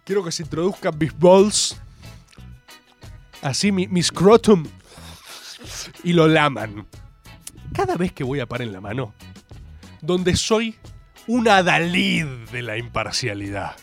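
A man's voice: fairly high pitch, slow pace, long pauses, soft background music. A young man with a Rioplatense accent hosting a show, ranting sarcastically in a monologue. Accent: Rioplatense Spanish. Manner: sarcastic, animated, mocking voices. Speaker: host.

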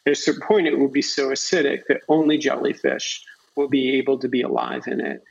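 A man's voice: medium pitch, fairly even intonation, brisk, gravelly, husky. A man giving a reflective interview on a dull, lo-fi recording.

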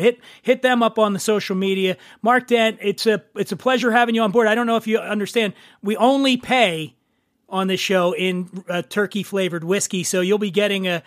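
A man's voice: sits high, a bit bright, dry recording, studio quality. A man hosting a casual chat show, joking and teasing his guests. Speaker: host.

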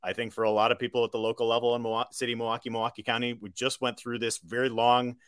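An American man, a journalist being interviewed, giving conversational political analysis in a measured, explanatory way. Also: mid-range voice, flat delivery, fairly bright tone, smooth, no echo, clean studio sound. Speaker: independent journalist, interview guest.

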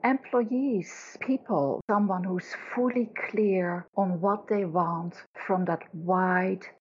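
A woman with a Dutch accent speaking earnestly as a podcast guest, phrasing deliberately in short pieces. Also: fairly low pitch, a little hiss or hum. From Netherlands. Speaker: guest co-host, leadership coach. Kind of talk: podcast interview talk. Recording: dull lo-fi audio.

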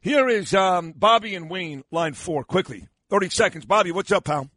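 A man's voice: high-pitched, lively intonation, moderate pace, fairly bright tone, no room sound. A man hosting talk radio in a blunt, teasing, casual way on a close studio microphone. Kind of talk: casual call-in radio banter and ad reads.

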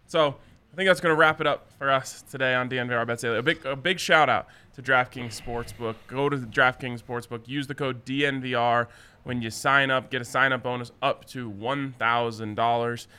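A man's voice: mid-range voice, fairly even intonation, fairly quick, bright, forceful tone, smooth. A man hosting a sports betting show in a casual, chatty style.

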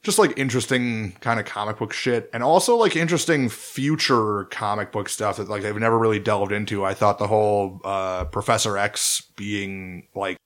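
A man's voice: lowish voice, normal speed, few pauses, a bit bright. A man casually chatting on a podcast, rambling and swearing as he ranks movies. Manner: profane, rambling, enthusiastic. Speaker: podcast co-host. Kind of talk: casual chat.

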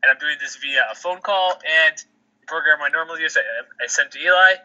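Fast, sharp-voiced male podcast host, chatty, heard over a muffled phone line. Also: a little high. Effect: over a phone call. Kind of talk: casual sports chat.

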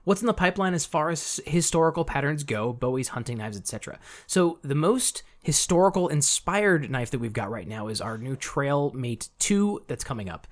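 A man's voice: fairly high pitch, very animated, normal speed, few pauses. A man co-hosting a podcast who agrees readily, answers listener questions and chats casually. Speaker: podcast co-host.

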